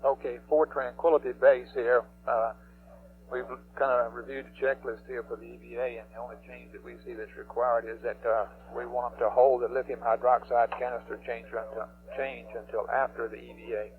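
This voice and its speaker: A man's voice: medium pitch, little pitch movement, a little fast, a little hiss or hum. A man speaking as a flight director over a radio loop, questioning and giving directions to his team. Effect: mission control radio loop. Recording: tinny, humming 1960s radio loop.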